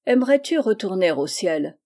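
A woman voicing a kindly, steady medieval abbot, gentle and firm, in a storybook reading. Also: medium pitch, moderate pace.

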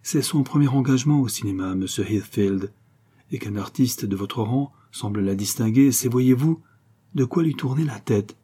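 A man's voice: medium pitch, moderate pace, mellow, breathy edge, natural voice. A man reading aloud and voicing an anxious, plain older woman who pleads earnestly in a storybook. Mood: pleading. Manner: earnest pleading, rising to outcry.

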